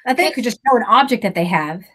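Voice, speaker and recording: A middle-aged woman, a reading tutor, hosting a casual live-stream chat on a video call, animated and quick to laugh, with lots of fillers. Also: fairly high pitch, breathy edge.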